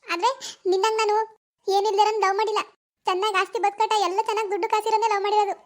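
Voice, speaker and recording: Cartoon mother, enraged, voiced by a woman, very high and shrill, rattles off insults at speed. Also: little pitch movement. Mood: angry scolding. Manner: shrill, rapid scolding with insults. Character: furious village mother scolding her teenage daughter.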